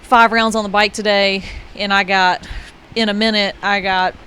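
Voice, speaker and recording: A woman's voice: mid-range voice, level tone, moderate pace, pushed and bright, a little hiss or hum. A woman coach explaining a point on a casual fitness podcast, thinking aloud with "um" and "uh" as she goes.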